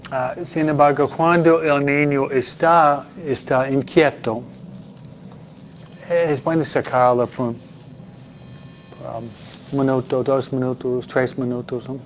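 Male priest, casual audience chat, humorous, muffled low-fi audio with light hiss. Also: steady tone, slow, long pauses. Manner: chatty, self-deprecating humor, frequent "¿no?" tag questions. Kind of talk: informal Q&A talk with audience. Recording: dull lo-fi sound with faint noise.

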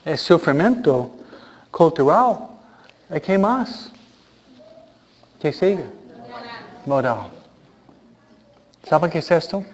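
A male priest gives a casual, humorous sermon at a very unhurried pace, his voice sitting a little high and very animated. He often hesitates and throws rhetorical questions at the congregation, and the recording sounds muffled and lo-fi.

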